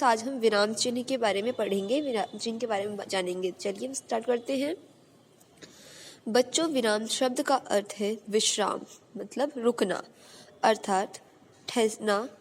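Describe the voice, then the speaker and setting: A woman teaching a primary school grammar class, pitched a little high, and she goes over each point twice. Her voice carries a faint hiss of room noise. She keeps coming back to the class with friendly check-ins. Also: a little mellow. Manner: explains and repeats, often says "okay students". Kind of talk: online grammar lesson.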